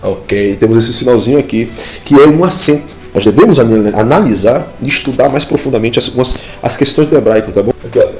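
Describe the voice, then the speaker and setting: A man's voice: mid-range voice, fairly quick, darkish tone. A man giving a lesson on Biblical Hebrew grammar. He explains step by step, checks in with listeners often and points at text on screen. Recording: echoey room, faint music behind.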